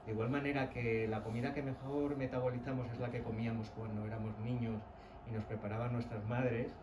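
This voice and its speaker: A man's voice: mid-range voice, roomy sound, far from the mic, noisy background. A man from Spain with a slight La Mancha accent, the author, speaking thoughtfully at a book presentation. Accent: Castilian, from La Mancha. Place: event venue.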